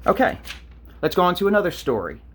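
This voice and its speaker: A man's voice: high voice, very animated, quick pace, slight background noise. A man ranting on a vlog, blunt and profane, telling stories and asking rhetorical questions. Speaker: vlogger.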